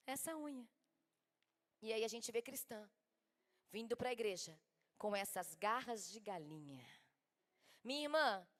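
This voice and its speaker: A woman preaching a humorous sermon at a women's conference with a Brazilian Portuguese accent, swinging from loud exclamations to soft asides. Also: high-pitched.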